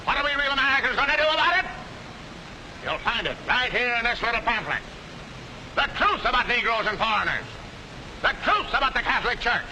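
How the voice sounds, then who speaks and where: An actor in a 1940s film playing a fiery, hectoring street-corner agitator, on a noisy old soundtrack. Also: male voice, very high-pitched, sing-song, fairly quick, pauses often, heavily acted. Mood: ranting. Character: ranting bigoted male rabble-rouser, middle-aged.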